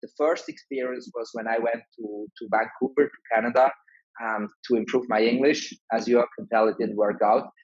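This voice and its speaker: A man's voice: mid-range voice, fairly even intonation, fairly quick, breathy edge, no room sound, highs cut off. A man, speaking English as a guest in a casual interview, friendly and full of restarts. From Switzerland. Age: 30s. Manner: friendly, many restarts and fillers. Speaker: guest, digital nomad entrepreneur.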